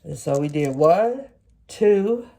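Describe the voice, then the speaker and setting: Stuffy, congested nasal voice, mellow plant vlogger. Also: mid-range voice, lively intonation, takes it slowly, gravelly. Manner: folksy, explains step by step. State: congested after sinus surgery. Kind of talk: casual hands-on demonstration to viewers. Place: home kitchen at the counter.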